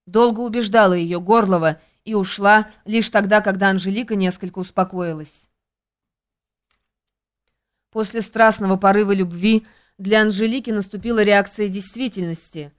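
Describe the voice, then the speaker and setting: A woman reading a classic novel as audiobook narration, in an even, measured way. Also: mid-range voice, smooth. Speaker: audiobook reader.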